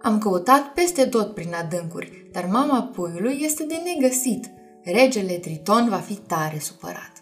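A woman's voice: mid-range voice, lively intonation, faint music behind, lightly acted. A woman reading a storybook aloud and voicing Sebastian, a fretful male crab advisor. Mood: worried.

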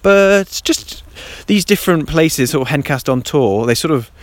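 Using a handheld dictaphone outside, a podcast host rambles casually on his own with many ums and false starts, standing in a damp garden in light rain before moving to a covered shelter. His voice sits on the high side, with lively intonation, a moderate pace and no echo.

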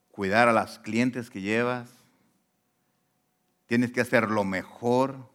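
A man preaching a sermon as a pastor, conversational and animated, often asking rhetorical questions. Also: medium pitch.

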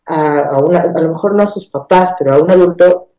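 A woman's voice: on the low side, brisk, warm tone, echoey room, dull audio. A woman with a Mexican accent explains child body safety in casual conversation, often restarting and adding tag questions.

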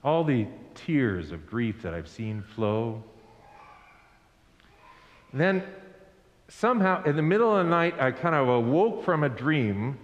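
A male pastor preaching an Easter sermon in a slow, deliberate way. He asks the congregation to repeat lines after him. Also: medium pitch, big pitch swings, dull audio. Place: church sanctuary. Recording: echoey hall with long reverb.

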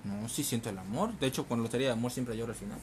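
This podcast co-host has a mid-range voice and a Mexican Spanish accent, and he talks very fast against a noisy background. In a casual chat he animatedly retells movie plots in slang, acting out characters with swearing and laughter.

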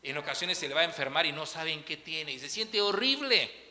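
A man preaching a sermon as pastor, animated, swinging between loud and soft. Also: fairly high pitch, brisk, long reverb tail.

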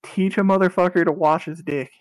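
A man's voice: sits high, steady tone, fairly quick, dry recording, low-quality recording. A young man co-hosting a podcast, chatting casually in an offhand, wry, dismissive way. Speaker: podcast co-host. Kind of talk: casual chat.

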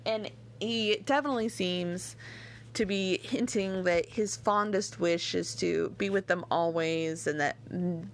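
A woman's voice: on the low side, a bit bright, no echo. A woman reading a classic novel aloud and then chatting about it casually with a thoughtful, filler-filled manner. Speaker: audiobook reader.

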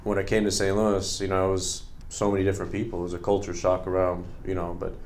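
A man's voice: sits low, monotone, fast, a little mellow, slight background noise. A man in his late twenties from Bosnia, talking earnestly as a podcast guest, rambling with fillers. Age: late 20s. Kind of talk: casual interview talk.

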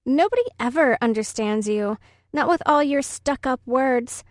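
A woman's voice: high-pitched, unhurried, dry recording, studio quality. A woman voicing a snide schoolgirl bully who drawls "like" through her taunts. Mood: sneering. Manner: drawling, sneering "like" talk.

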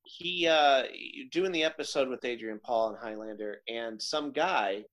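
A man co-hosting a podcast in casual chat, animated and acting out quotes in different voices. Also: medium pitch, unhurried. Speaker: podcast co-host.

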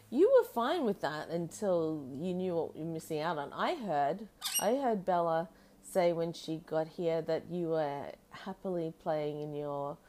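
A woman podcast host chatting casually and intimately to her pet bird, doting and rambling, with soft tag questions. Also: sits low, slight background noise.

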